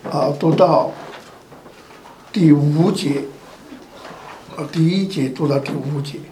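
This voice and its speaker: A man leading a Bible study, talking slowly and hesitantly with many fillers. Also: a little high, mellow, slight background noise, rough recording.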